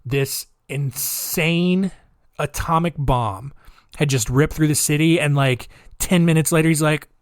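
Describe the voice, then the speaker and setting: A podcast host, a man, tells stories in a casual, chatty, animated way, addressing his listeners directly as "guys" and dropping in lots of asides while swinging between loud emphasis and quiet remarks. His voice is fairly high and smooth, a little slow, and the clean studio recording has no room sound.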